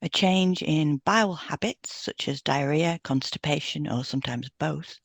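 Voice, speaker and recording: A woman who co-hosts a podcast and works as a hypnotherapist reads scripted health information aloud in an informative way for an educational episode. Her voice is deep, a little slow and creaky, with no echo.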